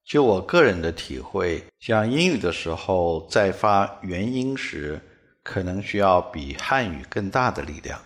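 A man's voice: sits low, sing-song, a little slow. A man from China, a native Mandarin speaker, teaching English pronunciation in a spoken lesson and demonstrating sounds by repeating them with exaggeration. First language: Mandarin Chinese.

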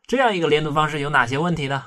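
Playful, slightly high-voiced male teacher. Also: animated, fairly bright tone. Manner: playful, colloquial explaining with slowed, exaggerated English demonstrations. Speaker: English pronunciation teacher. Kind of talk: recorded online lesson.

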